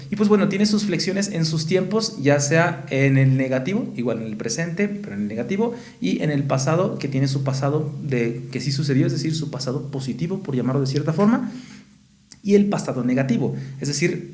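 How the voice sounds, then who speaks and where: A Mexican man with a fairly high voice gives a relaxed language lesson, repeating each example slowly and checking in often. He sounds patient and easygoing. The room around him is roomy and echoey. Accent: Mexican Spanish. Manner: patient, repetitive, keeps checking with "¿sí?". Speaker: Japanese teacher. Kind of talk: casual video lesson.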